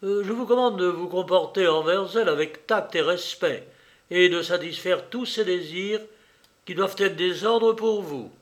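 An impatient army lieutenant, as a male reader voices him, lecturing and giving orders. His voice sits somewhat high and carries a clipped, commanding tone. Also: normal speed, close to an everyday voice. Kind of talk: audiobook character reading.

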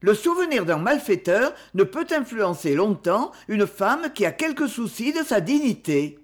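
A woman's voice: on the high side, very animated, measured pace. A woman reading an audiobook, voicing a proud young woman who answers with cold dignity. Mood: disdainful.

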